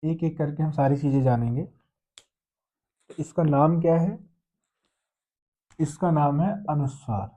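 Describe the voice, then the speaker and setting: A man's voice: fairly high pitch, unhurried, pauses often, mellow. A man teaching a grammar lesson step by step, asking questions and answering them himself. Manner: explains step by step, asks and answers own questions. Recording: dull lo-fi sound.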